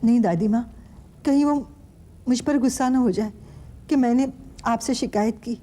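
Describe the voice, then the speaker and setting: An actress playing a hurt young wife and loyal daughter in a TV serial drama, speaking in an emotional, pleading way. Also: female voice, on the high side, moderate pace, mellow, natural voice. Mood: tearful. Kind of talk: TV serial acting. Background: background music score.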